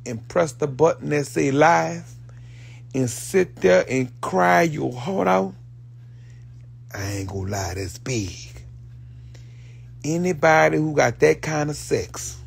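A man hosting a show of comedic commentary on internet gossip, animated and profane, jumping from loud outbursts to hushed asides. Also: mid-range voice, vocal fry, slightly rough. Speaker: show host.

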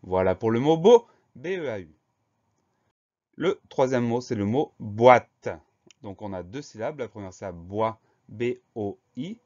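A man's voice: medium pitch, animated, a little slow, darkish tone, muffled recording. A man teaching a spelling lesson, patiently spelling out each word letter by letter.

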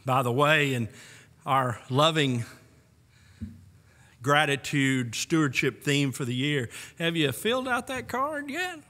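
Older male pastor, sixties, earnest sermon delivery at a pulpit mic, bright voice, church reverb. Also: fairly high pitch, animated, slow. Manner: earnest, with warm little laughs and rhetorical questions. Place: church sanctuary. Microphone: pulpit microphone on a stand. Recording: long church hall reverb.

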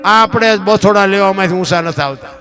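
A man preaches a folksy dayro sermon. His voice sits high, and he keeps turning to his listeners with rhetorical questions. Clear guitar playing runs behind him. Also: a little fast. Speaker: dayro storyteller. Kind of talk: folk sermon with sung verses.

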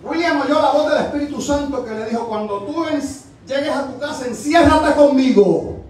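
A male preacher delivers a fervent sermon, pressing his point with shouted, repeated questions. His voice sits very high for a man. He sounds far from the microphone, in a church hall full of heavy echo. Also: fairly quick. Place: church sanctuary.

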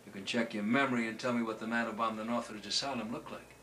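An actor playing a middle-aged American police detective, a tough cop who talks bluntly and threateningly in a film drama. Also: male voice, fairly low pitch, steady tone, fast, pushed and bright, slight background noise. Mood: pressing. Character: hard, menacing, impatient male police detective. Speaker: police interrogator. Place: small indoor police office.

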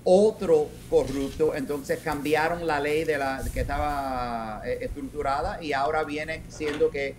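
A middle-aged man, a retired police commander, answering interview questions over a webcam from a home office, talking haltingly with many restarts and English words mixed in. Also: fairly high pitch, steady tone, darkish tone, a little hiss or hum. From raised in New York. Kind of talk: video call interview. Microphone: video call webcam.

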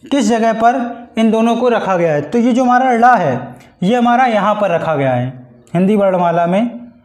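Speaking at normal speed in an expressive, darkish voice that sits high, a male Hindi teacher delivers a blackboard-style grammar lesson. He patiently repeats and draws out syllables to demonstrate pronunciation, and the room is echoey.

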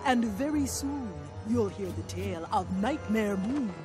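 A woman voicing a wise, mysterious zebra mare who speaks slowly and only in rhyme. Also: medium pitch, expressive, close to an everyday voice. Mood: spooky. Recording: over loud cartoon music.

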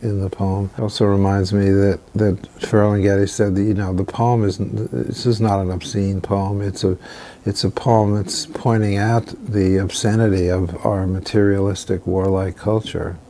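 A man in a documentary interview, speaking thoughtfully about a poem with halting restarts. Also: fairly low pitch, little pitch movement, dark tone, a little hiss or hum. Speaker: literary scholar interviewee.

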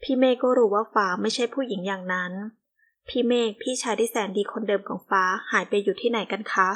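A woman's voice: mid-range voice, fairly quick, fairly bright tone, close to an everyday voice. Sweet, tearful young woman, pleading and polite, voiced by the reader; storybook role.

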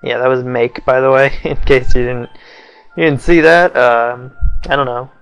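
Over faint game music, a young man doing let's play commentary speaks at normal speed in a steady, mid-range voice with a clean tone, though the recording is low quality. He's wry and self-mocking, muttering asides, and his voice sounds slightly off, perhaps because he's coming down with something.

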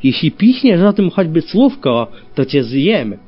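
A man's voice: fairly high pitch, sing-song, measured pace, slightly rough, exaggerated voice. A man voicing a huge old male dragon who speaks in a gloomy, menacing growl. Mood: gruff. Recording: dull lo-fi with faint music.

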